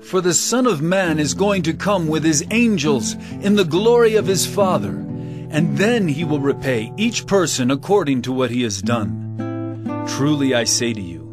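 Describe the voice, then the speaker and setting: An actor playing Jesus as a grave, commanding teacher, speaking with solemn, earnest emphasis. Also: male voice, on the high side, sing-song, measured pace. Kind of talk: audio drama acting. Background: guitar music.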